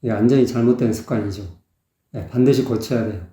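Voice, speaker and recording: Dark-voiced male vocal coach, echoey. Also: mid-range voice, fast. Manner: explanatory, sings short phrases to demonstrate. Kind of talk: song analysis commentary. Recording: echoey, dull lo-fi sound.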